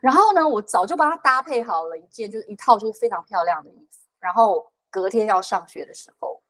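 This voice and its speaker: A woman in her thirties or forties, a podcast guest, telling a personal story in a fast, animated way with many fillers and restarts. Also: mid-range voice, rough recording.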